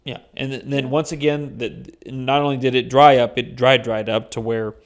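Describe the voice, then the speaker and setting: A man's voice: medium pitch, level tone, normal speed. A man hosting a casual podcast, talking through a Bible story, often laughing and restarting his sentences. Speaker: podcast host.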